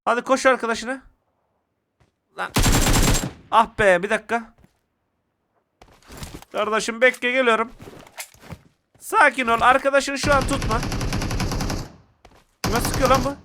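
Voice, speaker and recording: A young man giving excitable, casual commentary to viewers while playing a mobile shooter game. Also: very high voice, unhurried, long pauses, noisy background.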